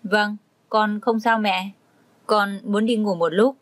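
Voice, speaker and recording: A woman's voice: medium pitch, steady tone, slow pace, no echo, natural voice. Woman voicing a sulky pregnant young wife. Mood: subdued. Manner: sulky, accusing.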